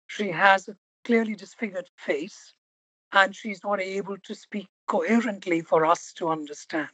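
A woman hosting an interview podcast, talking reflectively and stressing single words slowly for emphasis. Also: mid-range voice, fairly bright tone, slightly rough, dry recording, rough recording. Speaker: podcast host.

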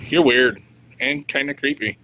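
A man's voice: medium pitch, unhurried, bright, forceful tone. A man chatting casually and teasingly as he films a family vlog on a handheld camera mic. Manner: teasing, joking. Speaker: vlogger behind the camera. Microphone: camera mic, held by the speaker. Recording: noisy handheld home video.

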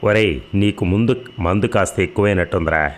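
A drunken male schemer with a deep voice, as a male narrator reads him. He talks in a blunt, coaxing way, close to the narrator's own voice. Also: fairly quick, natural voice. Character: drunken male friend plotting a murder.

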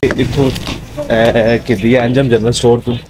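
A young man with a Pothwari Punjabi accent chats casually in a walking vlog as he moves through a busy outdoor bazaar greeting shopkeepers. His medium-pitched voice stays fairly level and his pace is measured. Filmed on a handheld camera held at arm's length, the clip is full of crowd chatter and street noise.

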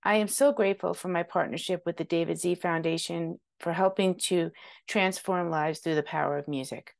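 Upbeat woman with slightly low voice. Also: steady tone, moderate pace, gravelly. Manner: upbeat and grateful. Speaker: studio founder introducing partners. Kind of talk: scripted video introduction. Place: home room with a virtual background. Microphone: wired earbuds on a video call.

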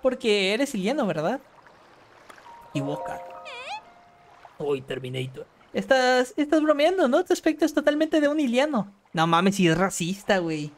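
A woman with a Mexican accent streaming gameplay, talking in slangy, profane chatter and bursting into panicked yelling. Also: fairly high pitch, sing-song, normal speed, faint music behind. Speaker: gaming streamer. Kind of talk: live gameplay commentary.

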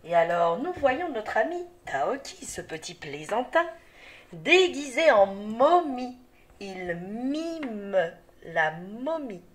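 Slow, lively-voiced woman teaching reading. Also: a little high. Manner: patient, encouraging, addresses the child directly. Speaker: primary school teacher. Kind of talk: slow, clearly articulated reading lesson for young children.

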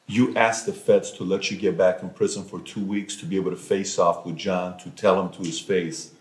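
Low-voiced male interviewer, echoey. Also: level tone, moderate pace. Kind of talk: interview question. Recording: roomy echo.

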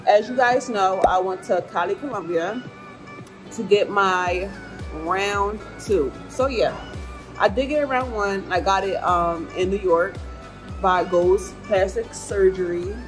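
A woman's voice: medium pitch, measured pace, over music, rough recording. A young woman vlogger talking casually to camera indoors in an informal, slangy, emphatic way. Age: young adult. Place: indoor room at home or lodging, fan running.

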